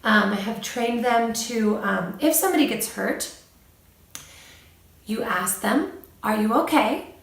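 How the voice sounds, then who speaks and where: A woman's voice: a little high, animated, slow, vocal fry, pauses often, far from the mic. A young woman and mom, giving parenting advice in a casual vlog, chatty, laughing often and livening up when she quotes her kids. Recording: echoey room, voice off-mic.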